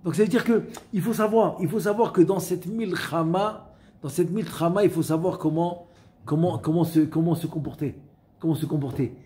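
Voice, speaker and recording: Male rabbi, slightly raised pitch, animated teaching delivery, slow chanted verses between plain talk. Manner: animated, asks the listener questions, repeats key phrases. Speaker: rabbi teaching a Torah class. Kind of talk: Torah lesson with storytelling.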